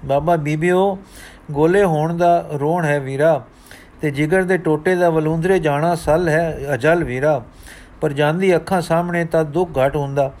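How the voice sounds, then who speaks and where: Old grandfather in grief, devout and pleading, read by a man; slightly high voice, storybook reading. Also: darkish tone, natural voice. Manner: sorrowful, pleading.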